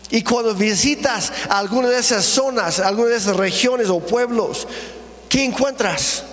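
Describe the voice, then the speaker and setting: In a church auditorium, an accented pastor from elsewhere preaches earnestly and emphatically, posing rhetorical questions to his congregation. His high, slightly bright voice trails off with long reverb.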